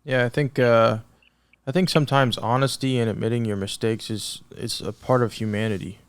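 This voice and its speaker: A man's voice: mid-range voice, steady tone, moderate pace, clean tone, dry recording. A man hosting a podcast, thinking aloud in a reflective, casual way with fillers. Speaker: podcast host. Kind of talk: casual interview chat.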